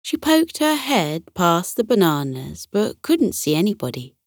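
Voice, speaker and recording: A woman narrating a bedtime story for children in a soothing, gentle way. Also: on the low side, sing-song, unhurried, no room sound, studio quality.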